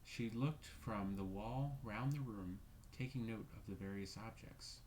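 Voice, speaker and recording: A man reading a classic ghost story aloud in a measured, steady way. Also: on the low side, slight background noise, poor audio. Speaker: reader.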